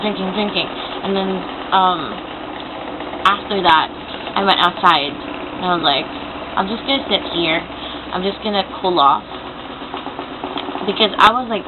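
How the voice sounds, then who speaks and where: A young woman telling personal stories to her viewers in a casual, rambling, self-correcting way. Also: fairly low pitch. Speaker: vlogger. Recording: tinny phone-like audio, loud engine-like hum.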